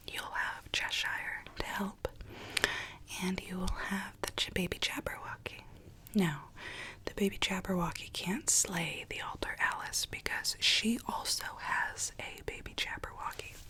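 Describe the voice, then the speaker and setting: A woman plays a sweet rogue version of Alice from a storybook in a whispered ASMR roleplay, telling her tale softly and theatrically. Her medium-pitched voice is unhurried and gently coaxing.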